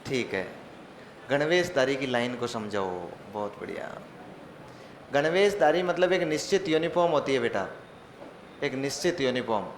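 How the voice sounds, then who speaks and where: A man's voice: mid-range voice, animated, moderate pace, long pauses. A male teacher, giving an online exam-prep class. He asks his own questions and answers them, with joking, mock-dramatic asides. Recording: echoey room with faint ambient noise.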